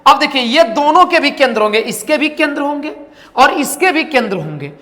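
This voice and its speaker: A man's voice: very high voice, lively intonation, fairly quick, pushed and bright, big-room sound. A man teaching a lesson, who asks rhetorical questions, answers them himself and repeats phrases. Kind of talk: classroom-style lecture.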